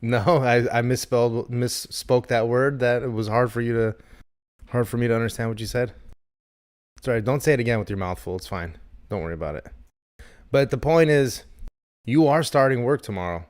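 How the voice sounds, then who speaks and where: A man's voice: mid-range voice, moderate pace, a little mellow. A man in his thirties co-hosting a comedy podcast, rambling and joking with lots of swearing. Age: 30s. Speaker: podcast co-host. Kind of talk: casual chat.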